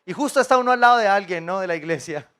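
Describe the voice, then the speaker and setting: A man's voice: sits high, racing. A man with a Colombian accent preaching a sermon as pastor, telling stories and putting questions to the congregation. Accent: Colombian Spanish. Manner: animated storytelling, acting out dialogue, asking the congregation questions. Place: church.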